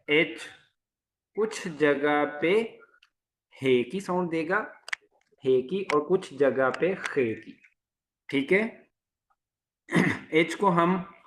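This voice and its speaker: A man's voice: on the high side, fairly bright tone. A man teaching a class, patiently repeating each sound several times. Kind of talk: lecture to a class.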